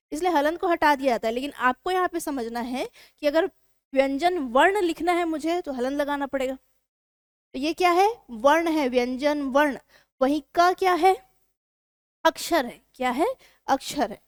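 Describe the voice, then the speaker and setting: A woman teaching a grammar lesson for exam preparation, asking her students questions and answering them herself, sounding out letters slowly. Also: high-pitched, no room sound, studio quality.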